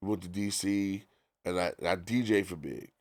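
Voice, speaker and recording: Low-voiced New storyteller. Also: male voice, moderate pace, dry recording. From New York. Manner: animated, profane, full of quoted dialogue. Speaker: guest DJ. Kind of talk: casual storytelling.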